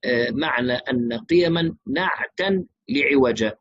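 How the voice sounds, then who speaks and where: Husky man teaching Quran recitation. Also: mid-range voice, fairly bright tone, no room sound, lo-fi sound. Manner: explains quickly, then recites verses slowly in melodic chant. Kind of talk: recitation lesson with chanted verses.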